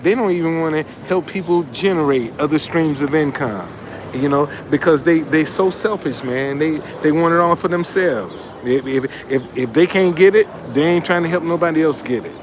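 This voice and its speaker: A man's voice: fairly high pitch, normal speed, noisy background. A man interviewing passers-by outdoors, talking in casual slang with stammering restarts. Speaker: street interviewer. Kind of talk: street conversation. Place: outdoors on a city street.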